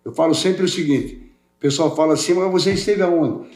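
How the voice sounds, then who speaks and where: A man's voice: on the high side, brisk, darkish tone. Older man rambling in a roomy echo. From Portugal, raised in Brazil. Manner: rambling, repeats words and restarts. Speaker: podcast guest, welding specialist. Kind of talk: casual interview chat.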